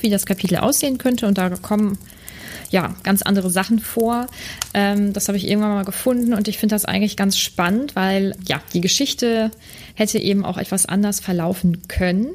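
A woman's voice: mid-range voice, steady tone, moderate pace, a little mellow. Breathless woman podcast reader. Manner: breathless, chatty with laughs. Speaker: podcast co-host. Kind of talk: reading a translated story aloud.

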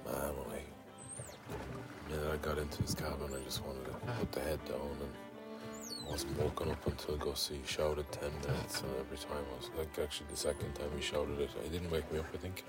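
Worn-out male host, very low monotone, rambling audio diary from a rowing boat, music underneath. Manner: halting, rambling, casual with swearing. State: exhausted from lack of sleep. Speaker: podcast host on a rowing expedition. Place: small ocean rowing boat.

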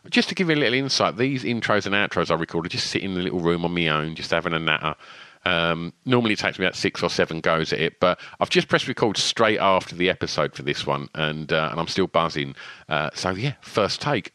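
Bright, forceful Essex man hosting a podcast. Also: low-pitched, no echo. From Essex, England. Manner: effusive, matey, informal slang. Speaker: podcast host. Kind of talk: casual, chatty podcast talk. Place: small room at home, alone.

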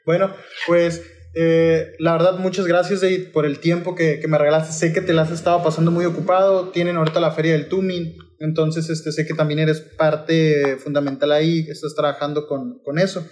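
A man hosting a podcast interview, polite and halting, filling pauses often. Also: on the high side, flat delivery, a little mellow. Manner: polite, halting, many fillers. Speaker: podcast host.

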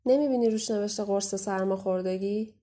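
A woman playing a mocking, menacing young waitress who talks down to people and gives sharp warnings, in an audio drama. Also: medium pitch, steady tone, natural voice. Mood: scornful. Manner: scornful, taunting, bossy. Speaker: guest voice actor.

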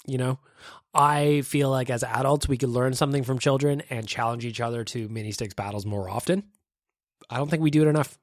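A man's voice: medium pitch, fairly quick, no room sound. A Canadian man hosting a casual podcast alone in a home studio, wry and self-deprecating as he reacts to voicemails. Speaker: podcast host. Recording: dry close mic with faint music.

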